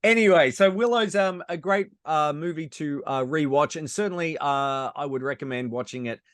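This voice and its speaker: A man's voice: a little high, normal speed, fairly bright tone, dry recording, studio quality. A man co-hosting a casual film-review chat, agreeable and keeping the talk moving. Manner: agreeable, steering the talk along. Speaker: podcast co-host.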